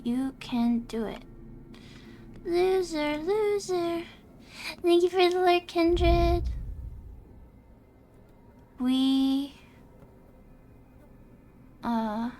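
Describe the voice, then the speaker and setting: A young woman streaming a game, chatting casually, reacting aloud and thanking her viewers, her voice going hoarse. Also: high voice, extremely slow, long pauses, mellow, slight background noise. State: losing her voice.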